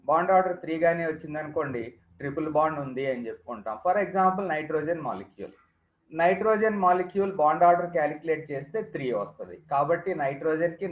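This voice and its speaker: A man with a Telugu accent teaches as in a classroom, mixing Telugu and English and repeating key terms as he explains. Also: a little high. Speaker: chemistry teacher. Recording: echoey room, thin phone-like sound.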